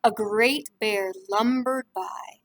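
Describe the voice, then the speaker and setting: A woman with a medium-pitched voice reads a picture book aloud as a teacher of young children. She pauses to offer simple explanations and ask the listeners questions.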